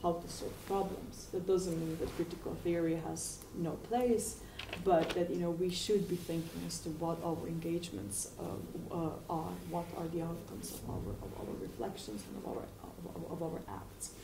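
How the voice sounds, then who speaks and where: A woman's voice: fairly low pitch, moderate pace, few pauses, noisy background. A woman in her forties gives a hesitant academic panel response, full of fillers and restarts, in a university seminar room. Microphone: far room mic. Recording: echoey room from far off.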